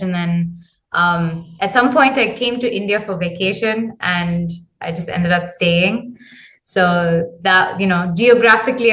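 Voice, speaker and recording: A woman's voice: mid-range voice, a bit bright. A woman in her thirties, a coach from Zambia, answering interview questions casually with many ums and uhs. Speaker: guest, men's clarity coach.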